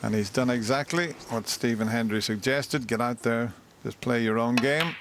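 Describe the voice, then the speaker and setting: A man's voice: mid-range voice, moderate pace, very noisy. A man giving live snooker commentary as a broadcast commentator. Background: snooker arena crowd.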